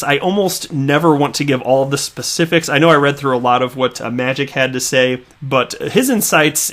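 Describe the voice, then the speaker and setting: This crypto YouTuber, a man from the American Midwest, has a mid-range, slightly bright voice. On his own channel he gives casual commentary while reading tweets, chatting with lots of fillers and repeated words.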